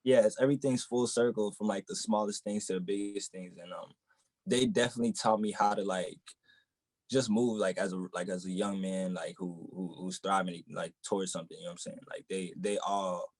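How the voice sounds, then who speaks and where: A young man from the Boston area, a rapper in a relaxed interview, who keeps filling his talk with "you know what I'm saying.". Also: deep voice, fairly quick, no room sound. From Boston area, United States. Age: young adult. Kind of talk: casual interview chat.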